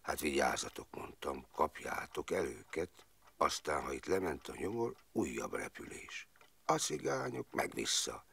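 A rueful, plain-spoken former footballer rambles through his memories in a deep, gravelly voice. His pitch swings widely as he talks, stringing clauses together with fillers. The sound is close and dry. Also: very animated, fairly bright tone, exaggerated voice. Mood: rueful recollection. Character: rueful, plain-spoken man recalling wartime years. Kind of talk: film monologue.

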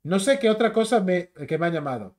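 A man with a Spain Spanish accent delivers a combative, mocking YouTube rant. His voice sits high and swings widely in pitch as he jeers. The tone stays insulting throughout. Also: very animated, a little fast. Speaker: YouTube commentator. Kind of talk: ranting commentary video.

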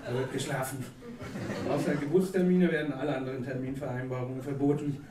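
On a theatre stage, a poetry slam performer in his thirties whose native language is Turkish delivers a comic poem fast and deadpan into a stand mic, medium-pitched, with satirical tone and chatty, filler-laden asides. The audience laughs, and the distant recording in the echoey hall is noisy.

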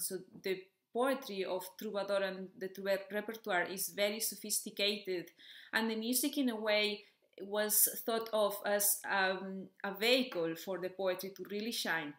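A woman at an ordinary mid-range pitch walks the listener through a topic step by step. She has the careful, checking-in manner of a music educator. Her voice carries a noticeable room echo. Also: fairly bright tone. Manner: clear, methodical, with frequent "okay" and "so" check-ins. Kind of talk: explanatory video lesson.

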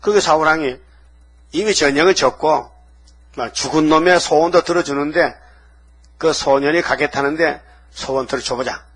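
Husky Korean pastor preaching a dawn sermon. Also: male voice, a little high, normal speed, long pauses, a bit bright. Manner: tells Bible stories, acts out quoted lines.

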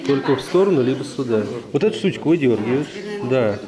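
A man's voice: mid-range voice, lively intonation, fairly quick, a crowd in the background. A man chatting informally as a travel vlogger, jokey and slangy. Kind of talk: casual chat on location. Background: music.

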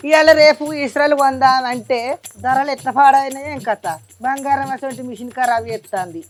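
A woman doing a village mother, Telangana accent, scolding and consoling, high pitch, soft music underneath. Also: steady tone, brisk, lightly acted. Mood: grumbling. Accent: Telangana Telugu. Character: scolding village mother, soothing daughter and berating son.

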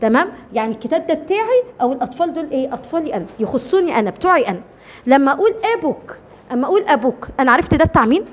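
Lively high-pitched Egyptian woman teaching. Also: rapid-fire. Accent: Egyptian Arabic. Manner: asks questions and answers them herself, repeats key words; calls children by name and coaxes them along. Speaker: English teacher. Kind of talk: grammar lesson for children.

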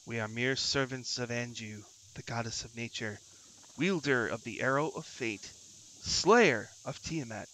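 A man voicing a solemn, guarded servant of a swamp shrine, formal and measured in a tabletop game. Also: medium pitch, fairly bright tone, natural voice, low-quality recording.

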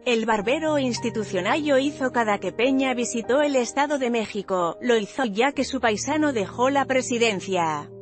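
A woman's voice: fairly high pitch, animated, normal speed, hardly any pauses. A woman reading a scripted news voice-over with a wry, sardonic delivery. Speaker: news narrator. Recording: faint music bed behind.

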